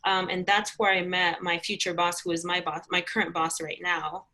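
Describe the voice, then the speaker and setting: Young woman guest, lowish voice, chatty and friendly, lots of ums while she explains her job. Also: flat delivery, moderate pace, bright, forceful tone, low-quality recording. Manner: chatty, friendly, many fillers. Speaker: guest, community health educator. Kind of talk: casual interview answers.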